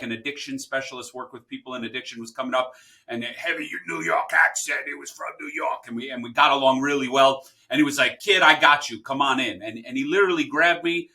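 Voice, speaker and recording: A middle-aged man from the United States, a podcast guest telling his business story in an animated way and acting out the people he quotes. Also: medium pitch. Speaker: podcast guest, title company founder. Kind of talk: storytelling interview answers.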